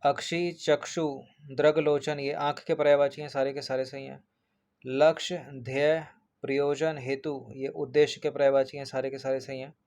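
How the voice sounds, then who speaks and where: A man's voice: mid-range voice, level tone, normal speed, darkish tone. A man working through an exam paper as a teacher, going point by point, repeating each answer and checking in with his students.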